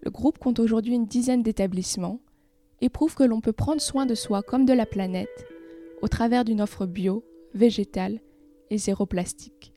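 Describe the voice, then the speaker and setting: Mellow-voiced woman hosting a podcast. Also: fairly high pitch, normal speed, faint music behind. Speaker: podcast host. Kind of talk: scripted podcast intro and interview.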